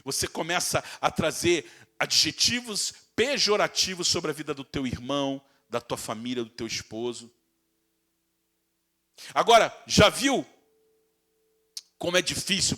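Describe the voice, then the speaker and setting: A male pastor preaches in a high, bright, forceful voice. He keeps firing rhetorical questions at the congregation, acts out harsh quoted remarks, and drags words out as his volume swells and drops. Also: expressive, unhurried. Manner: stretches words with swings in loudness. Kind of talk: sermon.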